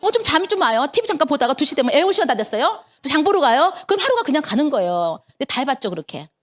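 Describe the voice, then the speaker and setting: Woman, 50s, Busan-area Korean accent, high and animated motivational speaker with a quick tempo. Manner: animated storyteller acting out dialogue. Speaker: network marketing business leader. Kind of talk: motivational talk to an audience.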